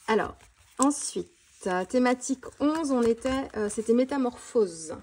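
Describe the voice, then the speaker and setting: A woman vlogger chatting fast and casually about her art supplies, with many fillers and restarts. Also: fairly high pitch, expressive, a little mellow, slight background noise. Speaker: mixed-media art vlogger. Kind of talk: casual tutorial chat showing art supplies.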